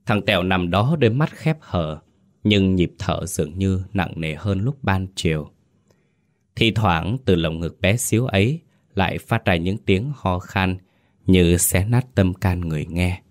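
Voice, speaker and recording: Guy reading a ghost story, really low voice, slow and somber. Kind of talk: audiobook ghost story narration.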